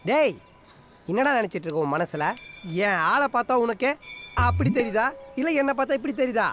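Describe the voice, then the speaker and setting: A man's voice: very high voice, animated, fairly quick, a bit bright, faint music behind. An actor playing an indignant young man who drawls as he defends his girlfriend, in a film comedy scene.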